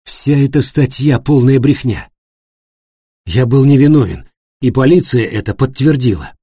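A man's voice: medium pitch, unhurried, dark tone, breathy edge, no echo, studio quality. A man voicing an angry, defensive man who insists on his innocence. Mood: indignant.

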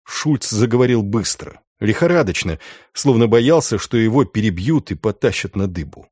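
A man narrating an audiobook in a measured, expressive storytelling manner. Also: on the low side, husky, no room sound, studio quality.

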